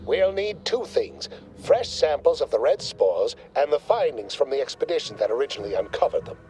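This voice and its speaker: A man's voice: medium pitch, very animated, fairly quick, dark tone, faint music behind, close to an everyday voice, rough recording. An actor playing a pompous male corporate scientist in a video game, speaking in verbose, condescending corporate jargon. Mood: smug.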